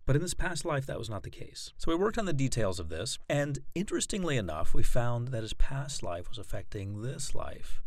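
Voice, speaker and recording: A man working as a hypnotherapist, talking to camera in a calm, measured monologue with slow, deliberate phrasing and frequent repetition. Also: fairly low pitch, gravelly, no room sound.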